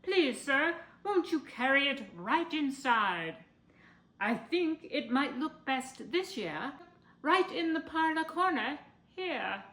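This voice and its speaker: Woman voicing an excitable, grand rich gentleman, loud and high. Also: slow, reverberant, heavily acted. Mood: delighted, grand. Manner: grand, exclamatory. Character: excitable wealthy gentleman delighted with his Christmas tree.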